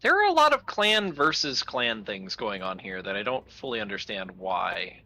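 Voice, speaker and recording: A man streaming a game with friends, talking in an animated, playfully melodramatic way. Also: lowish voice, normal speed. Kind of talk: casual gaming chat.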